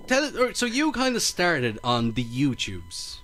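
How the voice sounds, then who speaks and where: A man's voice: fairly high pitch, wildly swooping pitch, a little slow, a crowd in the background. A young man with an Irish accent hosting a student radio interview in a casual, self-deprecating, joking way. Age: young adult.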